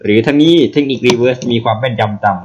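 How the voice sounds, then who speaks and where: A man's voice: mid-range voice, fairly quick, lo-fi sound, noisy background. A man casually explaining something to a co-host, playfully sounding out syllables one by one.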